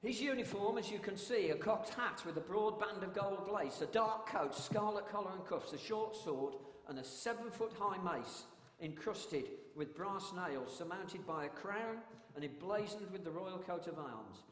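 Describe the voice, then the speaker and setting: Male town crier as lecturer: high voice, measured emphatic oratory, reverberant hall. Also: lively intonation, fairly bright tone. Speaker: town crier giving a talk. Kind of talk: public history talk. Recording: echoey hall with long reverb.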